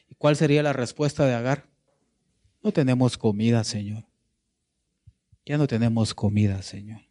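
A man's voice: medium pitch, a little mellow. Man preaching, full of questions. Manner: asks the congregation rhetorical questions, repeats "¿verdad?"; searches for words mid-sentence. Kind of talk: sermon.

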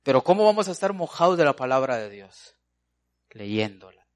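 A man's voice: medium pitch, sing-song, normal speed. A man preaching a folksy sermon, calling listeners brother and answering his own questions.

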